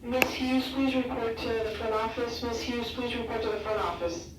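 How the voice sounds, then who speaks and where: A woman's fairly high voice comes over a school intercom, booming around the room from a loudspeaker far from the mic. She makes a calm, repeated page from the office, over a thick layer of noise. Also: moderate pace. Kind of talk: public address announcement. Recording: echoey, distant, noisy intercom speaker.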